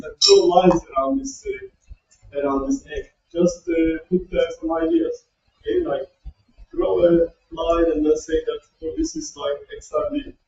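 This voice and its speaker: High-pitched chatty male lecturer. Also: a little mellow. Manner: chatty, laughs often, fills with "you know". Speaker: workshop speaker. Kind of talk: lecture on academic writing. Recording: roomy, distant, dull sound.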